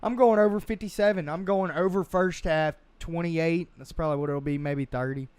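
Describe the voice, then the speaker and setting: A man hosts a casual sports podcast with lively, joking energy. His voice sits a little high and sounds smooth and clean. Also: brisk, no room sound. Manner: animated, joking, leads the picks. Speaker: podcast host.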